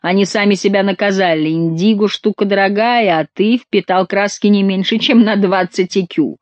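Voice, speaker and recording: A woman's voice: medium pitch, normal speed, dry recording, highs cut off, close to an everyday voice. A woman voicing a mocking young male courtier who teases. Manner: teasing.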